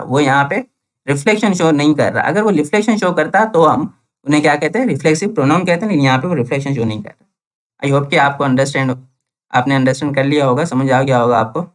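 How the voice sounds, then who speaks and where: Speaking quickly in a slightly high voice, a young man gives a classroom-style English grammar lesson in Hindi with Urdu words. He is repetitive, going over each point again and answering his own questions.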